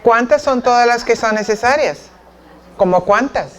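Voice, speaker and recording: Lively woman giving a nursing lecture. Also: fairly high pitch, normal speed. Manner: lively, teasing, acts out patient dialogues. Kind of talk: conference lecture.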